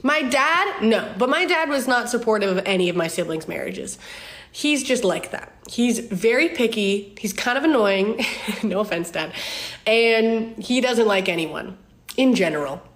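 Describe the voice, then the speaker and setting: Speaking at a measured pace, this social media creator in her twenties has a slightly high, expressive voice. She answers fan questions to her phone in a relaxed, chatty way, laughing often and saying um a lot.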